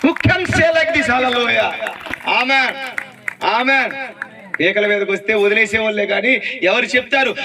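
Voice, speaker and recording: A man's voice: very high-pitched, pushed and bright, recorded from a distance, slight background noise, rough recording. A male pastor preaching a sermon, calling on the congregation for amens and claps and firing rhetorical questions at them. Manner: exhorting, urges the congregation to say amen and clap. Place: church gathering with congregation.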